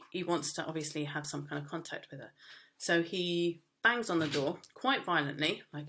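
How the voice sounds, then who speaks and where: A woman's voice: lowish voice, fairly bright tone. A woman teaching a media studies lesson, explaining casually with frequent fillers and restarts. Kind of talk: recorded lesson.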